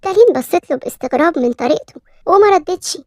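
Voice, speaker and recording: A woman with an Egyptian accent narrating a scripted story in a brisk, even way. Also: very high-pitched, dry recording, studio quality. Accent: Egyptian Arabic.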